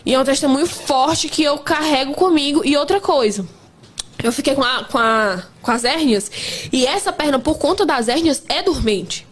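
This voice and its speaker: A woman's voice: high-pitched, expressive, moderate pace. A woman in her twenties, pregnant, telling her faith testimony in an earnest, emphatic casual way. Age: 20s. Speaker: guest sharing a testimony.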